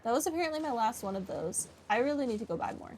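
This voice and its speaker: Talking to herself and the game's characters, a woman streams casual gameplay commentary. She speaks fast and animated in a fairly high, slightly mellow voice, with a little hiss or hum in the audio.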